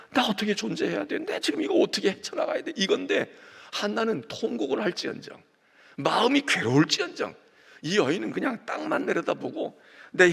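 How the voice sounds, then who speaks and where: A middle-aged man preaching a dawn prayer sermon as senior pastor, swinging between loud emphasis and hushed whispers. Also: high voice, gravelly, slightly rough. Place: church sanctuary. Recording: long church reverb.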